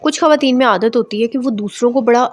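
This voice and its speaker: A woman's voice: on the high side, fast talker. A woman vlogger giving casual advice to camera, chatty and repetitive, dropping in English words. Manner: chatty, repeats herself, mixes in English words.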